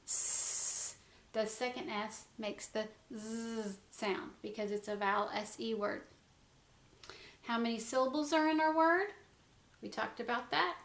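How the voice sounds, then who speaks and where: A woman's voice: fairly high pitch, fairly bright tone, echoey room, a little hiss or hum. A middle-aged woman teaching a phonics lesson to young children from home, patiently sounding out letters and syllables.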